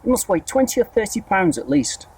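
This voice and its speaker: A man voicing a bossy, snappish middle-aged aunt in a storybook, with yelled exclamations. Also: high voice, sing-song, brisk, slightly rough, recorded from a distance, voice pushed up, heavily acted, low-quality recording. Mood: bossy, alarmed.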